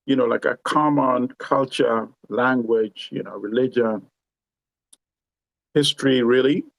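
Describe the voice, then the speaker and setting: A man from Uganda, a guest explaining his points in a measured conversational way, often checking in with "you know" and "right?". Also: mid-range voice, vocal fry, dry recording, low-quality recording. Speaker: guest commentator. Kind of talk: conversational discussion.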